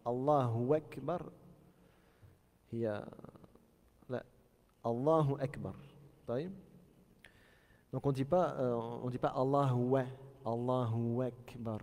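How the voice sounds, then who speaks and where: A man teaches a religious lesson in a mellow, relaxed voice, carried by a long reverb. He explains patiently and spells out Arabic phrases slowly, repeating each one to show how it is pronounced. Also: mid-range voice. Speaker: Islamic teacher.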